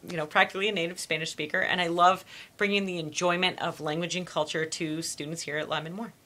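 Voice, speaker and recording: This Montreal woman, whose first language is French, talks quickly in a lowish, steady voice that sounds bright and forceful. She's a foreign language teacher fielding interview questions, sincere in tone and often saying "you know."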